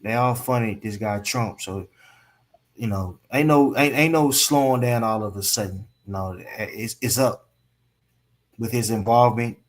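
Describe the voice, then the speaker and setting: A man's voice: mid-range voice, measured pace. A man in casual political chat, rambling with lots of fillers and laid-back slang.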